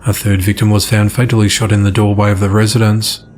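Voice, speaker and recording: A man reading crime news from a script in an even newsreader delivery. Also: on the low side, quick pace, slight background noise. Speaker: news reader.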